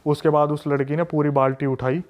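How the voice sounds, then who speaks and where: A podcast guest, a man from a city, telling a story in an animated, emphatic way with lots of repetition. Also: on the high side, fairly quick. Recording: dull lo-fi recording.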